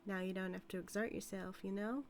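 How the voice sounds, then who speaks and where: A woman drawls and teases as a dominant, flirty outlaw cowgirl with a Southern US accent, her mood sly, in a scripted, intimate audio roleplay. She talks fairly quickly at a medium, steady pitch, close to her everyday voice, with a little hiss or hum present.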